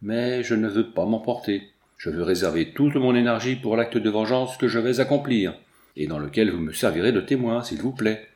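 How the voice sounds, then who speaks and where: A man's voice: lowish voice, normal speed, a little mellow, natural voice. A man voicing a huge, mustached, indignant husband who talks in a blustering, insistent way, read in an echoey room.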